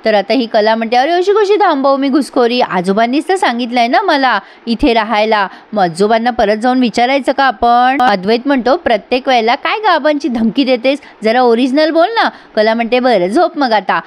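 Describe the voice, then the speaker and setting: A woman narrating a recap of a TV serial episode, acting out each character's lines with lively emphasis. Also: on the high side, moderate pace, hardly any pauses. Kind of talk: voice-over recap acting out dialogue.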